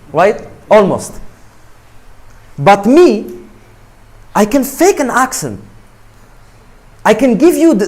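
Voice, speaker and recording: A Moroccan man gives students an emphatic motivational talk in English, his fairly high voice swinging widely in pitch. He repeats words and keeps asking his listeners "right?".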